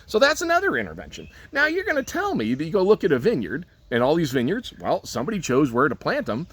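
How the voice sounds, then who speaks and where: A man's voice: a little high, huge pitch swings, fast talker, a bit bright, husky. A man winemaker ranting casually to camera, full of sarcastic rhetorical questions and folksy asides. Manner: folksy, swears lightly, laughs at own jokes. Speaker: winemaker giving a rant. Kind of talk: casual spoken rant to camera.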